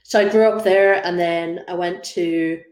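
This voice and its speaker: A Scottish woman in her thirties with a fairly low voice, talking easily as a podcast guest. She fills her sentences with ums and laughs along the way. The sound is roomy, with a clear echo around her. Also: fairly even intonation, a little slow, darkish tone. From Scotland. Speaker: guest graphic designer. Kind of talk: casual interview chat.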